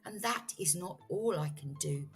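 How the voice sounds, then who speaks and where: Woman voicing the mischievous, slow-talking Cat in the Hat. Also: fairly low pitch, expressive, soft background music. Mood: reassuring. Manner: playful showman's patter. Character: mischievous, boastful, cheerful male cat in a hat. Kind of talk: children's storybook read-aloud.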